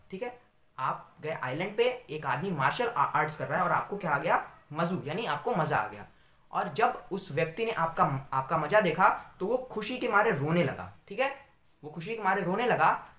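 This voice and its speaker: A man's voice: sits high, bright, forceful tone, reverberant. A man teaching memory tricks in a video lesson. He repeats each point and asks rhetorical questions that he then answers himself. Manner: repetitive, asks rhetorical questions and answers them, says "theek hai" often. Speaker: online teacher. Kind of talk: mnemonic tutorial for a video lesson.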